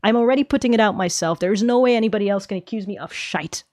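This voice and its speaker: A woman's voice: mid-range voice, very fast, darkish tone, no room sound, clean studio sound. A young adult woman streaming casual chat, rambling, giggling often and swearing freely. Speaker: VTuber streamer.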